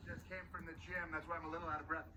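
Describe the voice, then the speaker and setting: An actress playing a chatty, oversharing young office worker in a comedy sketch, in a breezy manner. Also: female voice, sits low, level tone, racing, bright, forceful tone, low-quality recording. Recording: TV audio heard from off-mic with noise.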